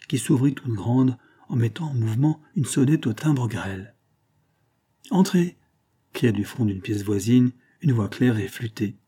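Male audiobook narrator, husky and dark, measured classic-novel reading. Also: medium pitch.

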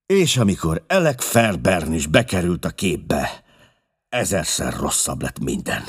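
A very low male voice tells a first-person confession in an audiobook. His pitch swings widely, and his reading rises with feeling before falling to a near hush. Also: husky. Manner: expressive, emotional, with sudden drops to a hush. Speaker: audiobook narrator.

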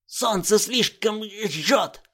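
A man reading an audiobook voices a frail, confused old male professor with a high, croaking voice. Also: very slow, fairly bright tone, full character voice. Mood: agitated.

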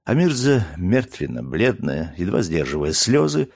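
Low-voiced man narrating an audiobook. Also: measured pace. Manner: expressive, dramatic reading.

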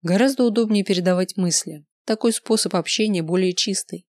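A woman voicing a calm, commanding male otherworldly creature who speaks slowly in flat, even tones. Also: mid-range voice, no echo, studio quality, natural voice.

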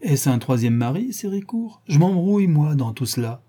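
Guy reading old god the father, confused then easygoing, dark husky voice. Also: fairly high pitch, big pitch swings, normal speed. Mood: bewildered. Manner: puzzled, then easygoing and indulgent. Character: God the Father, elderly male judge, bewildered. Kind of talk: audiobook character reading.

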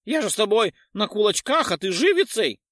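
A squeaky, boastful ghoul. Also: male voice, sing-song, fairly quick, fairly bright tone, no echo, studio quality, heavily acted. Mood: gloating. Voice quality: squeaky and shrill. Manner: gleeful, bragging, whining. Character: boastful scrawny male ghoul, half-rotten, shrill. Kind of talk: audiobook character voice.

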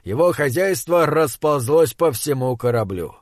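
A man's voice: a little high, expressive, a little slow, dry recording. An exasperated male spaceship captain, shrewd and bossy, pressing his crew with a raised, impatient voice, as a man reads him. It comes across as a dry, close audiobook read. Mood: businesslike. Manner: impatient, shouting when pressed.

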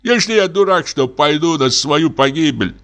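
A man's voice: medium pitch, expressive, normal speed, pushed and bright, pitched above the performer's own voice. A man reading an audiobook, voicing an old, frightened, pious forester who whines plaintively. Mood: fearful whine. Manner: whining, plaintive.

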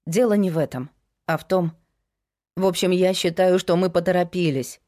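A woman's voice: on the low side, normal speed, darkish tone, lightly acted. A woman voicing a young woman, a frank and resolute investigator, in an audiobook. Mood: hesitant.

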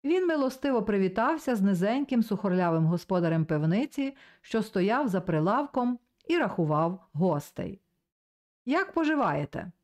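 A woman narrates a novel in a measured, expressive reading. Her pitch sits in a middle range but moves with lively rises and falls. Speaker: audiobook reader. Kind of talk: scripted narration.

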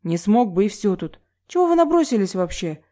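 A woman's voice: mid-range voice, very animated, brisk, warm tone, lightly acted. A woman voicing a shy young male student who sounds flustered and defensive.

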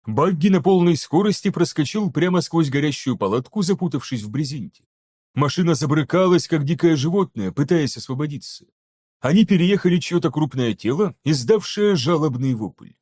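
Guy narrating an audiobook, mellow dark tone, slightly high voice, steady even reading. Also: moderate pace, husky. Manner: steady, even storytelling that voices each character. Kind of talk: scripted narration.

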